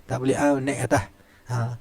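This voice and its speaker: A man's voice: mid-range voice, flat delivery, normal speed, darkish tone, no room sound, studio quality. A middle-aged man with a Malaysian Malay accent teaching Quran recitation rules in a chatty classroom style, often starting lines with "ha" and demonstrating sounds. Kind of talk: classroom tajwid lesson.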